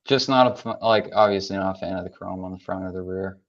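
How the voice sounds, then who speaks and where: A man's voice: sits low, quick pace. A man co-hosting a casual talk show, chatting in a laid-back, hesitant way. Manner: laid-back, hesitant with ums and I-don't-knows. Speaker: co-host. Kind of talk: casual chat reviewing trucks. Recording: dull lo-fi sound.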